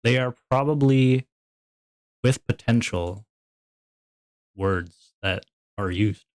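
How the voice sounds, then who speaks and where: A man's voice: medium pitch, slow, a little mellow, dry recording. A man streaming live who talks to his chat in a sarcastic, grumbling, exasperated way. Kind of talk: casual livestream chat.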